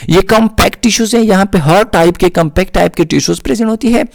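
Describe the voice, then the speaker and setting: A man with a Pakistani Urdu accent lectures nursing students, his voice high and gravelly. He talks slowly, repeats key terms and fills pauses with "uh". The recording is dry and close, with no room sound. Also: no room sound. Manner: explains slowly, repeating terms, with frequent "uh" fillers. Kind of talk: recorded lecture over slides.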